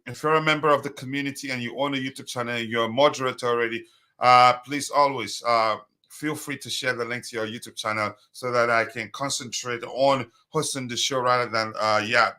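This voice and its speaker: Man with a bright, slightly strained voice. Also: mid-range voice. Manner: halting, repetitive delivery. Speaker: host of a live football fan stream. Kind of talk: casual livestream hosting.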